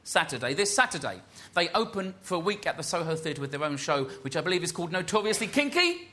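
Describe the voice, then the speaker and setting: High, lively male cabaret compere. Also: fast talker. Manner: self-mocking, hesitant, chatty. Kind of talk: casual comic stage introduction.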